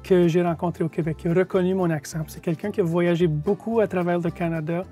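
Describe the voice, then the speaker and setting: A relaxed, chatty speaker with a Franco-Manitoban accent talking casually. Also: mid-range voice, quick pace, soft background music. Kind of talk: casual chat.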